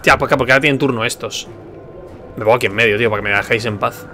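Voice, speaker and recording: An excitable man with a Spain Spanish accent chatting through a video game session. His voice is bright and forceful, and he talks in casual bursts of animated exclamation. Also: mid-range voice, rapid-fire, faint music behind. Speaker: let's play streamer. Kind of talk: casual gameplay commentary.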